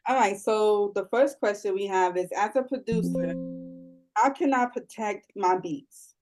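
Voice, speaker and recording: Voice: mid-range voice, unhurried, music in the background. A panel moderator hosting a live event, upbeat and directing the audience.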